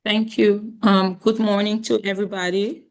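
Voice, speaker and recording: A woman with a Liberian accent giving a keynote address over a video call with her camera off. Her voice is hoarse and worn, and she speaks earnestly and formally, with frequent ums and uhs. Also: medium pitch, level tone, moderate pace, a little mellow. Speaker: keynote speaker, government minister. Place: rural area, joining remotely.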